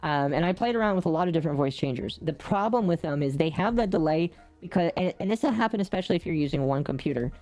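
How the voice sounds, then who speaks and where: A soft-spoken man whose voice runs through a hardware voice changer that shifts it toward a woman's, chatting casually with a guest on his stream. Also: animated, fast, few pauses, faint music behind. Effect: hardware voice changer shifting his pitch toward a low female voice. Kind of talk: casual chat.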